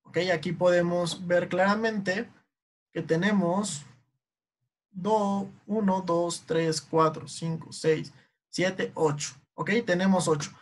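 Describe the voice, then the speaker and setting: A Mexican woman with a fairly low pitch and steady tone teaches an online class on poetry meter. She explains slowly and patiently, often checking in with a quick "ok?" along the way.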